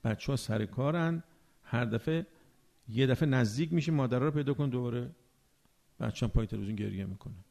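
Gravelly-voiced man preaching. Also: medium pitch. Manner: rhetorical, keeps asking the audience to agree; animated, acts out everyday speakers. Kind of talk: religious sermon to an audience.

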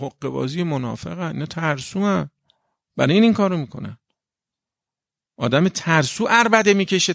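A man's voice: medium pitch, vocal fry, no echo, clean studio sound. A man preaching a religious sermon in an emphatic, repetitive way, often checking with listeners. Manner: emphatic, repetitive, asks the audience "right?". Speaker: cleric.

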